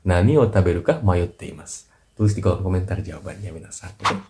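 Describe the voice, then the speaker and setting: A man teaching in a casual, chatty way, trailing off softly at the ends of his lines. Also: sits low, fast talker. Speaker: Japanese language teacher. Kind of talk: casual lesson in short clips. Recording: noisy recording with clicks.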